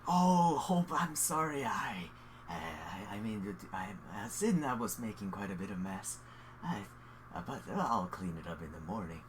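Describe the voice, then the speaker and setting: A woman's voice: a bass voice, very animated, noisy background, pitched below the performer's own voice. A woman playing a flustered tiefling librarian dad. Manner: hesitant, fumbling, halting.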